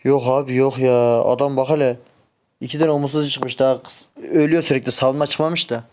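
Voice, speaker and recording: Young guy streaming a moba, talks to himself nonstop, gets fed up and yells at his team. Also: medium pitch, fairly even intonation, a little fast. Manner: frustrated, shouts sharply when the game goes wrong. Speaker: gaming streamer. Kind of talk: live gameplay commentary.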